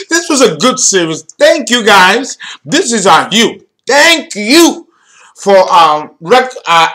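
Male astrology host, high pitched, playful and theatrical lecture delivery with jokey asides. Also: pushed and bright. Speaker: astrology teacher and channel host. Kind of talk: animated video lecture.

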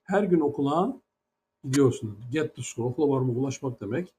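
Turkish guy teaching english grammar, mellow tone, asks lots of rhetorical questions, faint hiss behind. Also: mid-range voice, animated, a little fast. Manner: patient, explains step by step and asks rhetorical questions. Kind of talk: grammar lesson explained in Turkish.

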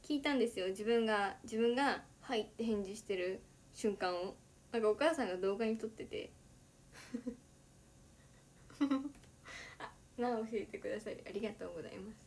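A woman's voice: medium pitch, moderate pace, long pauses, darkish tone. A teenage girl, an idol livestreamer, chatting casually and giggling often between sentences. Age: teens.

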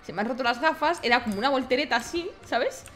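A woman streamer with a Castilian accent chats in character in an online game. Her voice is fairly high and bright, her manner blunt and sweary, with music faintly behind. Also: expressive, fast talker. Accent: Spain. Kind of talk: improvised game role-play, casual chat.

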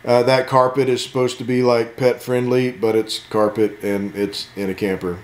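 A man's voice: mid-range voice, little pitch movement, moderate pace, reverberant. A man casually walking through a camper as an RV channel host, joking and laid-back in his asides. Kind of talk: casual walkthrough commentary. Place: inside a camper at an RV show.

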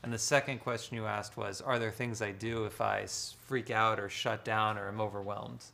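A man speaking as a guest author, talking slowly and deliberately in a live social-media conversation. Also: on the low side, steady tone, gravelly, bright, forceful tone. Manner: slow, deliberate and measured.

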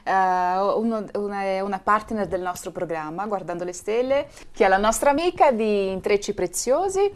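A woman's voice: mid-range voice, expressive, moderate pace, few pauses. A woman, hosting a conversational interview in a room at home. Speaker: TV interviewer, host. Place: small furnished room at home, indoors.

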